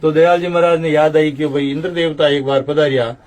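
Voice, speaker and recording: An older man with a Marwari accent tells a saint's legend as devotional storytelling, chanting verses slowly between his plain narration. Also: a little high, steady tone, darkish tone. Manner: slow chanting delivery of couplets. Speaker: saint narrating temple history.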